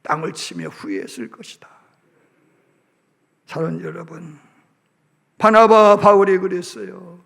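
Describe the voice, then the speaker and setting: A male pastor, preaching a sermon as animated storytelling that acts out voices. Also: high voice, unhurried, creaky, long pauses. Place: church sanctuary. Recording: reverberant church sanctuary.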